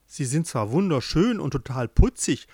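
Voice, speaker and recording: Young fairy-tale girl in love, higher, lively voice, storybook reading, man doing her. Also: moderate pace, slightly rough, no echo, clean studio sound, heavily acted. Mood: teasing. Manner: pleading, emotive.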